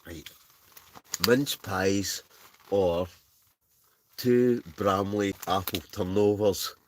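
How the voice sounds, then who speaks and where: A man's voice: lowish voice, very slow, a little hiss or hum, poor audio. A Scottish man chatting casually to livestream viewers in a rambling, chuckling, easily sidetracked way. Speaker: livestream host. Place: inside a tent.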